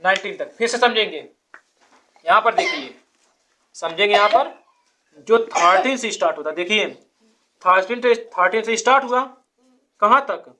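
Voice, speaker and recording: A woman's voice: mid-range voice, expressive, bright, forceful tone, slight background noise. Patient woman teaching kids to count. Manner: patient, repeats quiz questions for a child to answer; counts numbers aloud slowly. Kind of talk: children's counting lesson.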